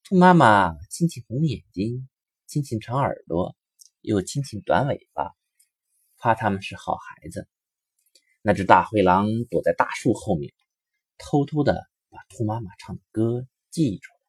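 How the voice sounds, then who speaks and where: A man reading a children's story aloud in an expressive storyteller manner. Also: lowish voice, a little slow, breathy edge, no echo, studio quality. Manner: expressive, rising and falling storyteller delivery.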